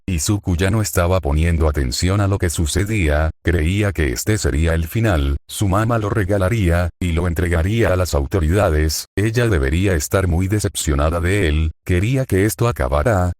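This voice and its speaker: A man reading a fan fiction story aloud in a flat, unhurried way. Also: deep voice, dry recording, clean studio sound. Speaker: narrator.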